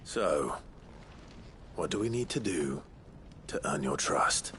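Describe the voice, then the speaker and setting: A man playing a terse, level-headed wandering swordsman with a measured delivery in a fantasy game. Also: very deep voice, animated, fairly bright tone, slight background noise, exaggerated voice. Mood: guarded, resigned. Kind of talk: period fantasy game drama acting.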